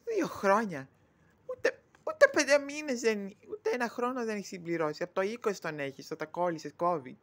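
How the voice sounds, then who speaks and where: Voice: medium pitch, few pauses, lightly acted. A performer voicing an indignant young woman who scolds her stingy father in a Greek shadow-puppet play.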